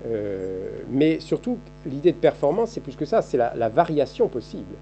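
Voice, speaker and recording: Man, 50s, historian lecturing at a seminar; mellow, low-key timbre, halting and self-correcting delivery, muffled archive-tape sound. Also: sing-song, a little hiss or hum. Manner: thinking aloud, frequent halting restarts and repeated words. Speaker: historian giving a seminar talk. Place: seminar room. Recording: dull, lo-fi archive seminar recording.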